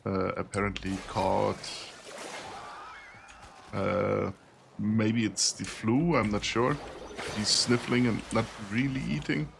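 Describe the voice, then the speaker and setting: A young man streaming a game, rambling casually with lots of pauses and fillers. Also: fairly low pitch, fairly even intonation, creaky, background noise. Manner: rambling, soft-spoken, with many pauses and fillers. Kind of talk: casual streaming chat while gaming.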